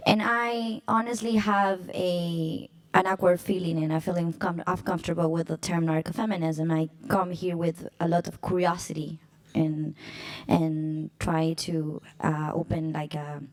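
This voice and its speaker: A woman's voice: on the low side, little pitch movement, a little slow. A woman from Ecuador asking a question from the floor at a conference, polite and searching for words. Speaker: audience questioner. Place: conference room.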